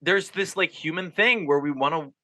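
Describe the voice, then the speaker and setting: Podcast host guy, really bright voice, chatty and animated, keeps restarting his sentences. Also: fairly high pitch, moderate pace. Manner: animated, thinks aloud with restarts. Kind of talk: casual chat.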